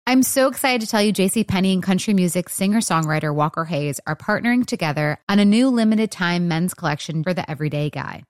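A woman reading a scripted clothing ad with warm enthusiasm. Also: lowish voice, lively intonation, fast talker, few pauses, no echo, clean studio sound. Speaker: ad reader. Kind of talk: scripted retail ad read.

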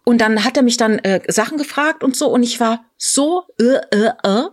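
Eine Frau mittleren Alters erzählt lebhaft und mit vielen Füllwörtern eine persönliche Geschichte im lockeren Gespräch. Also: female voice, on the high side, moderate pace, dry recording, clean studio sound. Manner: animated storytelling with many fillers and quoted voices. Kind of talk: casual conversation, personal anecdote.

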